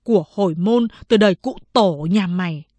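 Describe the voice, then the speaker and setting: A woman's voice: medium pitch, normal speed, warm tone, no room sound, natural voice. A woman voicing a stern old grandmother in a storybook reading, scolding in a grumbling way.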